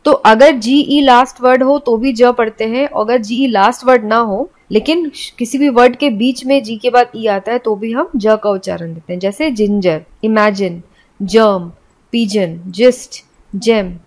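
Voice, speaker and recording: A woman's voice: fairly high pitch, moderate pace, few pauses. A woman teaching English pronunciation, explaining each rule step by step and spelling words out letter by letter. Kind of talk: classroom explanation.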